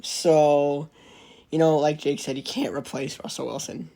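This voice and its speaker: A man's voice: on the high side, level tone, unhurried, vocal fry, mellow. Rambling podcast co-host man. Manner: rambling, restarts sentences. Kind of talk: casual sports chat.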